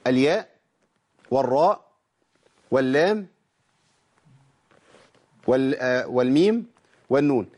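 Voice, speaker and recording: A man's voice: mid-range voice, expressive, unhurried, long pauses, a little mellow. A man with an Egyptian accent teaching the rules of Quran recitation, explaining verse lines in casual colloquial speech and quizzing his students. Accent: Egyptian Arabic. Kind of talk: religious lesson explaining verses.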